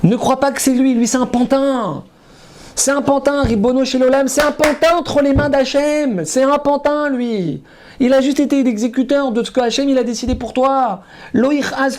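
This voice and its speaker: A man with a notably high voice delivers a fervent sermon as a rabbi. He repeats his phrases for emphasis and calls out often to his audience. His delivery sweeps from loud, soaring exclamations down to low, murmured asides. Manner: emphatic and repetitive, often calling out to listeners. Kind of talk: impassioned sermon.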